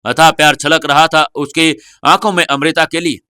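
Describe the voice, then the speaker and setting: Guy narrating an audio novel, bright voice, dry close sound. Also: on the high side, normal speed, clean tone, no room sound. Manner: steady storytelling.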